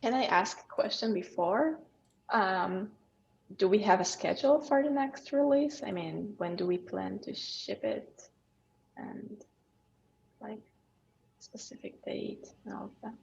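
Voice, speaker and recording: A woman talking casually in a work meeting, halting and repeating her words as she goes. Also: mid-range voice, expressive, vocal fry, a little mellow, a little hiss or hum. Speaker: software team member in a meeting. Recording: dull lo-fi call audio.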